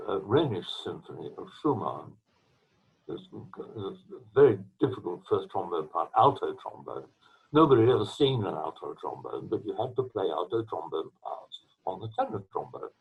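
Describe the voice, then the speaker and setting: Older man with a husky voice, tinny line. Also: lowish voice. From England. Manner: rambling, halting anecdotes with restarts and throat-clearing. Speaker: retired trombonist, interviewee. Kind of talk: storytelling interview. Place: at home. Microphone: video call. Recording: tinny video call line.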